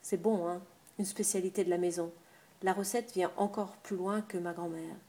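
A woman's voice: on the low side, fairly even intonation, normal speed, warm tone, close to an everyday voice. A woman voicing a talkative older countrywoman, an innkeeper's wife with homely familiar speech. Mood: chatty.

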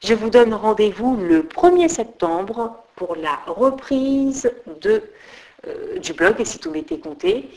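A woman narrating a storybook tale as host of her story blog, expressive and giving voice to the characters. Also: a little high, slow pace, creaky, poor audio.

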